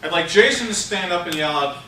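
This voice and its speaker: A man running a live sales training seminar in a large room, animated and playful, shouting instructions to volunteers. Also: high voice, fairly quick. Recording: echoey room recording from far off, noisy.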